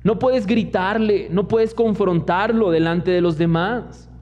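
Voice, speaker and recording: Taking his time, a young pastor speaks in a high, steady, slightly mellow voice with a Mexican Spanish accent. He tells personal stories during his sermon and imitates the people involved in quoted asides. The church hall recording has long reverb and a dull lo-fi sound.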